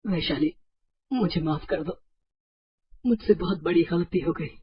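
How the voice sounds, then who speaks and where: A woman voicing a distraught young married man who is sick and afraid, speaking in a pleading way in an animated storybook. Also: fairly low pitch, a little slow, slightly rough, dull audio. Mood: remorseful. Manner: pleading, desperate.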